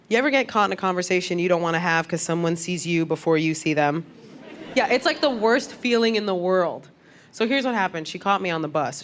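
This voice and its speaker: A woman comedian performing stand-up on a club stage with a handheld mic, telling stories animatedly and laughing at her own jokes. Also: medium pitch. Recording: noisy club with crowd laughter. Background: audience laughter.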